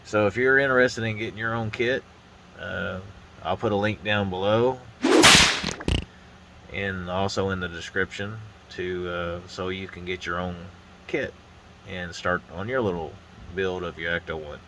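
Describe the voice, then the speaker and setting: A low-voiced man at a measured pace chats casually about the model he's building at a table, his nose stuffed up from a sinus infection. He rambles in a relaxed way with frequent uh's and restarts. The recording, from a phone on a holder arm, is low quality with slight background noise.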